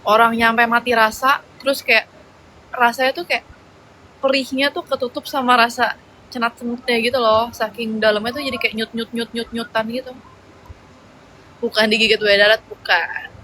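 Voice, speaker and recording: A woman's voice: on the high side, steady tone, normal speed, pauses often, pushed and bright, a little hiss or hum, poor audio. A young woman chatting casually on a livestream, reading out viewer comments and rambling with slangy fillers.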